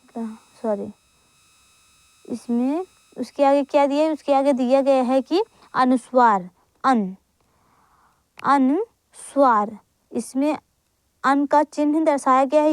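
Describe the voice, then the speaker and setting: A woman with a high, smooth voice, recorded dry, teaches an exam-prep grammar lesson. She repeats each point, asks and answers her own questions, and corrects herself aloud with quick apologies.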